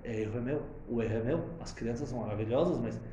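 A man's voice: medium pitch, fast talker, warm tone, roomy sound, a little hiss or hum, voice pushed down, lightly acted. A man voicing a nervous schoolteacher who stammers and apologizes. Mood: flustered. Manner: flustered, stammering. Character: anxious apologetic male schoolteacher.

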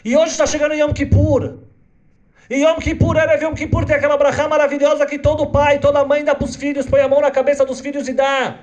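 A man voicing a grieving eight-year-old orphan girl in a high, tearful, insistent child's voice. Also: flat delivery, fairly quick, a little mellow. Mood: pleading.

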